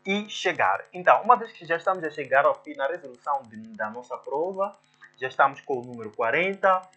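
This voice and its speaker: A man's voice: fairly high pitch, bright, forceful tone, highs cut off. A man, working through exam answers as a teacher and sounding out syllables step by step. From Mozambique. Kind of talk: exam walkthrough lesson.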